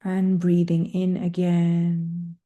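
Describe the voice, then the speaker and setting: Speaking in a monotone at the lower end of her range, a warm-toned woman leads guided breathing. She stretches each calming phrase slowly and leaves long silences between them.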